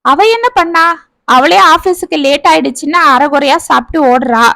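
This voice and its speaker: A woman voicing a caring older grandmother who calmly reasons with her husband. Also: high voice, normal speed, gravelly, no echo, exaggerated voice. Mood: gentle. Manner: soothing, reasoning gently.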